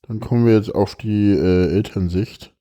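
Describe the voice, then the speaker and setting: A tired man hosting a podcast, talking haltingly with many fillers and reading a text aloud with feeling. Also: fairly low pitch, mellow. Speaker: podcast host.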